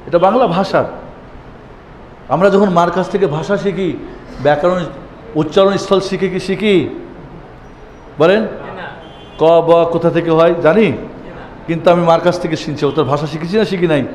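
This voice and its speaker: A man teaching a Quran lesson, chanting the Arabic letter names loudly for his listeners to repeat. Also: fairly high pitch, slight background noise. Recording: echoey hall with faint ambience.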